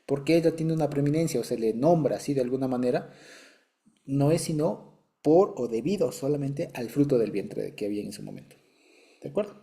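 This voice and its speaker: A man teaching a Bible study in a relaxed, conversational way, explaining patiently and often checking that his listeners follow. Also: medium pitch, fairly quick. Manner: constantly checks understanding with short asides; explanatory and patient, with light chuckles.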